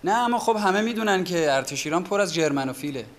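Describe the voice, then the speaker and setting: A man's voice: high voice, expressive. An actor playing an opinionated man at a gathering who speaks in an assertive, pointed way. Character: opinionated man at a salon, provocative. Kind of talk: period TV drama acting.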